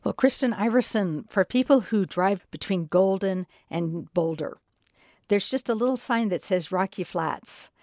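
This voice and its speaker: A woman's voice: medium pitch, measured pace, darkish tone. An American woman hosting a radio science show, reading scripted narration and asking questions in a curious way.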